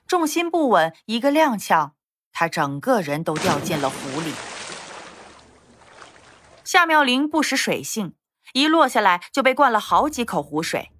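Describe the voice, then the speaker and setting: A woman reads a period novel aloud as an audiobook, her voice rising and falling with lively intonation. Her pitch sits in the middle range, and soft music plays faintly behind her. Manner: expressive storytelling, lively intonation. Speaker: narrator. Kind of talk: scripted audiobook narration.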